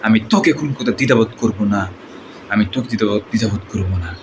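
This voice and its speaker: A man voicing a menacing, swaggering movie villain gang boss with a Bangladeshi accent and drawn-out threatening taunts. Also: on the low side, lightly acted. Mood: cold threats. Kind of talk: film villain dialogue mimicry. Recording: noisy amateur recording.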